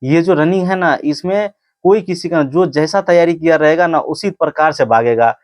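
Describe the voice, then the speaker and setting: A man's voice: a little high, normal speed, darkish tone, no echo, studio quality. A man giving casual, earnest training advice to viewers, repeating points and restarting sentences often. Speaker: physical test coach. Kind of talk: casual instructional talk to camera.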